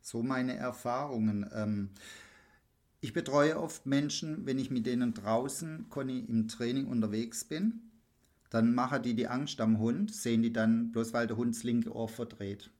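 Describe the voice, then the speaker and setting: A man working as a dog trainer, talking bluntly and emphatically in a casual podcast chat, acting out his clients in quick back-and-forth. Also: mid-range voice, darkish tone.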